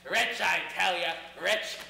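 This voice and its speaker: A man doing a gravelly hawker, pushy, high and sharp, echoey stage. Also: slow pace, full character voice. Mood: salesy. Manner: gruff hawking, bargaining. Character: pushy grotesque male street merchant. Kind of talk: stage comedy acting. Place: theatre stage. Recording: echoey stage recording, noisy.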